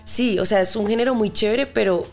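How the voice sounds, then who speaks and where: A woman's voice: mid-range voice, fairly quick, gravelly, faint music behind. A woman in her thirties from Cali, Colombia, a singer-songwriter chatting as a guest and telling stories with sung syllables. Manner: lively storyteller imitating notes with sung syllables. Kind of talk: casual interview chat.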